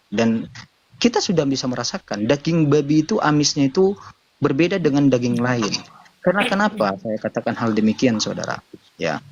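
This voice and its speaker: In a casual live-stream discussion, a convert earnestly explains his views at length, repeatedly calling his listeners "saudaraku," or brothers. His voice is a little high, a little mellow and husky, and the audio sounds dull.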